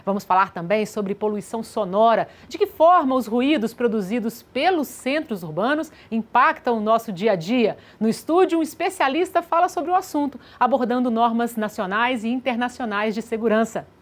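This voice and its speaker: Female TV presenter, bright announcer read. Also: fairly high pitch, expressive, moderate pace, hardly any pauses. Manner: clear, inviting announcer delivery. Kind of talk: scripted news presenting.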